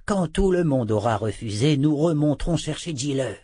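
A man's voice: a little high, lively intonation, moderate pace, mellow, slightly rough, dry recording. A man voicing a wry old wizard adviser, over 60, in an audiobook, with a dry mumbling manner.

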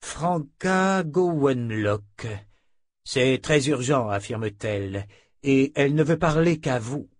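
A man's voice: medium pitch, lively intonation, slow, no echo. Man doing a deferential officer reporting.

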